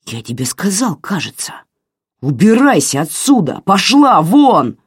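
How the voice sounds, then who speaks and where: Reader doing a middle-aged bully of a father, barking and menacing, with a lively pitch. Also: unhurried, no echo, studio quality. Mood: furious. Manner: barking, threatening. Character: angry, domineering village father, middle-aged man.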